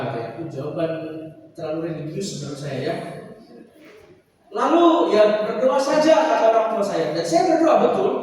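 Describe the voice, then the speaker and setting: A man's voice: high voice, a little mellow. A young male priest giving a sermon, telling personal stories with self-deprecating humor. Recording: echoey hall recording from far off, faint noise.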